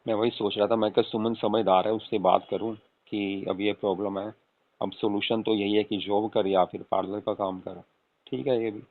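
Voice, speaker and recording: With a lowish, level voice at a moderate pace, he acts as a loving young husband on a late-night call, explaining and reassuring. He keeps coaxing his spouse and repeatedly seeks agreement through tag questions, over tinny phone audio that echoes in the room.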